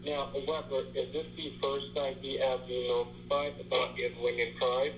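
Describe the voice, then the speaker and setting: A man on a phone line giving a formal, overly polite scripted pitch, repeating "wonderful". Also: flat delivery, moderate pace. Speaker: scam caller. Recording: tinny phone line with faint hiss.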